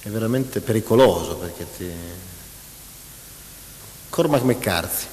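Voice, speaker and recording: Writer talking shop on stage, lowish male voice, lively delivery with restarts, long hall reverb. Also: measured pace, a little hiss or hum. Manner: animated, reads out mock prose passages, many restarts. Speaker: writer talking about his craft. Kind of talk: public talk with an interviewer.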